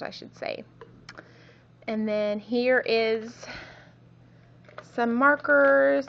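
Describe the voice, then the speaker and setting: A slightly sick crafting vlogger gives a casual show-and-tell tour of her home craft room, meandering, correcting herself and saying "um" a lot. Her voice is on the high side, fairly bright, with vocal fry, and the lo-fi home video sounds dull.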